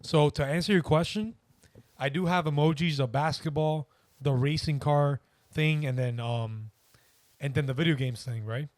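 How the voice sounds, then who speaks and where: A man's voice: on the high side, moderate pace, a little mellow, dry recording. Young man chatting easygoing on a podcast. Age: young adult. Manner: easygoing, rambling, hesitant. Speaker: guest. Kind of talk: casual interview.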